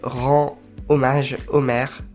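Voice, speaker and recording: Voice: medium pitch, level tone, extremely slow, darkish tone, soft background music. A shop presenter giving an informal explanatory talk, hesitant, with frequent fillers and restarts.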